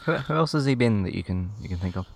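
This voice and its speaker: A man's voice: lowish voice, lively intonation, fast talker, gravelly, dry recording. A man in casual chat reviewing a TV series, rambling a little and restarting his sentences. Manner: rambling, restarts often, chuckles between points. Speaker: podcast co-host.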